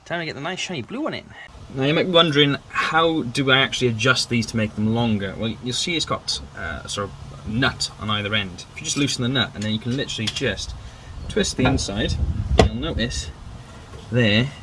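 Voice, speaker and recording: A man's voice: mid-range voice, a little fast, bright, forceful tone, a little hiss or hum. A man doing a casual, self-deprecating how-to narration while working on his car in a garage. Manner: chatty, self-deprecating, rambling. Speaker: car build vlogger. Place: garage workshop.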